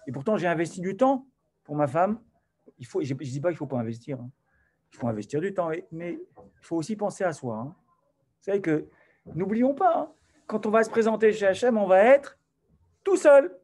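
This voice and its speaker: Male rabbi type, lively sermon delivery, mellow tone. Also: high voice, brisk, pauses often, slightly rough. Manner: animated, swinging from loud to soft, acting out dialogue. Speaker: rabbi teaching a class. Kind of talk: animated sermon to a live class.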